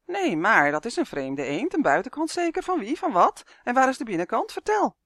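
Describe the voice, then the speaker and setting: Storybook role: narrator playing a gossip-hungry dwarf twin, high and lively, in a dry, close recording. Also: moderate pace, no room sound. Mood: nosy. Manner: excited, nosy.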